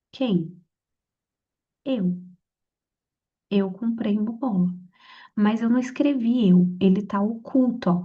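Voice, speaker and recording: A woman explaining grammar for a civil-service exam in a relaxed, chatty lesson, often checking in with her listener. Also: medium pitch, breathy edge. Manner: conversational, frequent "tá?" and "então". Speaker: exam prep tutor. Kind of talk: casual spoken lesson. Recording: slightly dull lo-fi audio.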